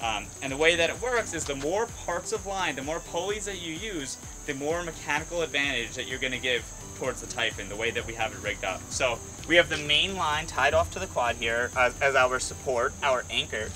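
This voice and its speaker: A man hosting a hobby vlog outdoors, explaining an experiment with energetic, cheerful talk. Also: mid-range voice, a little fast, hardly any pauses, rough recording. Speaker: RC hobby channel host. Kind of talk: excited demo vlog.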